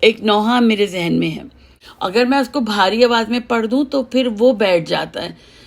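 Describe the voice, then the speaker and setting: A woman with a heavy, low voice teaching recitation, patiently correcting and chanting example lines. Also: a little slow, creaky. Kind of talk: teaching recitation over a call, with sung examples.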